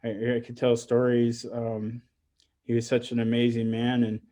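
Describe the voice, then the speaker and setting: A middle-aged man from Alaska speaking with heartfelt emotion on a panel, halting often and restarting his sentences. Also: medium pitch, monotone, dark tone. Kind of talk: heartfelt personal remarks on a panel.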